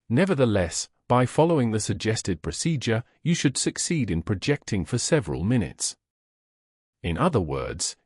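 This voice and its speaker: A man reading esoteric lessons aloud in a measured, solemn way. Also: medium pitch, a little mellow, no echo, studio quality. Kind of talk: scripted narration.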